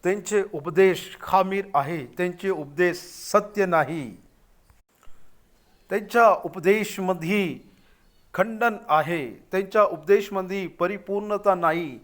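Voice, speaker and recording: Slow, high-voiced man preaching Bible commentary. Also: a bit bright. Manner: slow, deliberate explaining with occasional restarts; addresses listeners as brothers and sisters.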